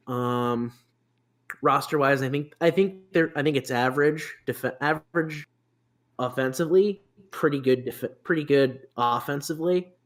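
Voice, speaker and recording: A man chatting on a casual sports podcast, rambling with frequent restarts and fillers. His voice sits at an ordinary middle pitch, and the talk is loose and unscripted. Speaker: podcast host.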